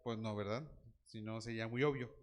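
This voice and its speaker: A man's voice: on the low side, fairly even intonation, brisk, slight background noise. A man teaching a Bible class, quizzing students by name and joking with them.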